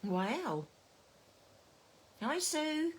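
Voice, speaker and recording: Woman, middle-aged, live-stream host, relaxed slow pace, chatty and apologetic. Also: high-pitched. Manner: chatty, apologetic, greets viewers by name. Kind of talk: casual chat greeting live viewers. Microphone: phone camera.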